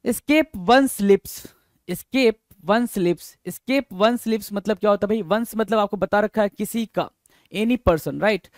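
In a Hindi-English lesson, a man with a high voice teaches English vocabulary, repeating each term, quizzing his listeners, and stretching the English words out slowly. There's no echo.

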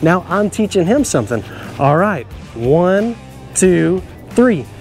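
A middle-aged man playing a cowboy on a children's show leads an excited tour of a stadium locker room, full of exclamations and laughs. His high-pitched voice swings a lot and moves slowly, with faint music behind.

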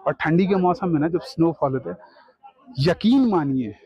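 A man's voice: on the high side, normal speed, warm tone, husky. Chatty man vlogging outdoors. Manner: chatty, pointing things out to viewers. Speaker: travel vlogger. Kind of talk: casual travel vlog. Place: outdoors on a mountain meadow. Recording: slightly dull lo-fi camera audio.

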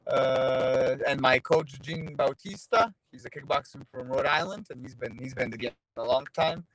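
In a casual video-call interview, a man in his thirties, a native Polish-speaking fighter from Poland, speaks from a parked car with his phone at arm's length. He keeps a moderate pace and medium pitch, relaxed and prone to fillers and restarts. Audio quality is poor.

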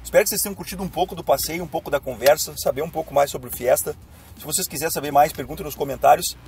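Racing along in speech, with a fairly high pitch and a darkish tone, the young YouTuber chats with viewers while navigating city streets by car. He speaks with a Rio Grande do Sul gaucho accent and sounds a little hoarse from a cold, and his dashboard camera captures it all.

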